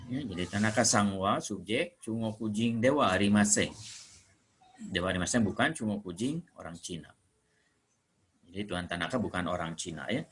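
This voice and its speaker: A man's voice: fairly low pitch, lively intonation, normal speed, a bit bright, a little hiss or hum. A man teaching a Japanese grammar lesson, explaining patiently and repeating example sentences with frequent checking "ya".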